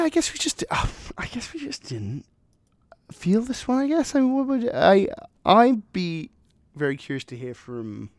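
A man co-hosting a casual film chat, often laughing and trailing off mid-thought. His mid-range voice carries a gravelly fry. The sound is dry and close. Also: medium pitch, no echo. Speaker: podcast co-host.

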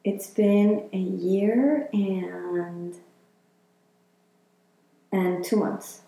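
A woman's voice: mid-range voice, fairly even intonation, very slow, dark tone. A woman from Chile, talking reflectively in a casual interview and using many fillers. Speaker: interviewee, healer. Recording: very echoey room.

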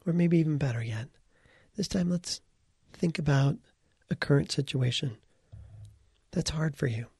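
A man leading a slow guided visualization, calm and soft-spoken, sometimes slipping into a whisper. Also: a little high, slightly rough, no room sound, studio quality. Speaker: guided meditation leader.

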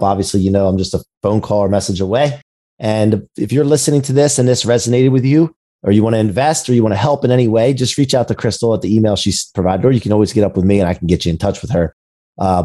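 A man's voice: on the low side, warm tone. A man hosting a business podcast in a conversational, motivational entrepreneur style full of buzzwords, recorded over a video call. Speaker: podcast host.

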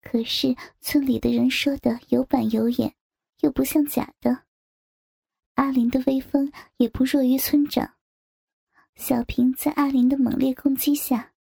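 A woman reading a scripted story aloud in a soft, half-whispered voice. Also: sits high, vocal fry, slightly rough, no room sound.

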